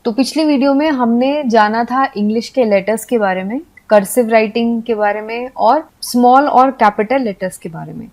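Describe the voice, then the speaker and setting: A woman giving a patient video lesson for Hindi speakers, explaining step by step and spelling letters out slowly. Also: on the high side, a little mellow. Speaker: English teacher.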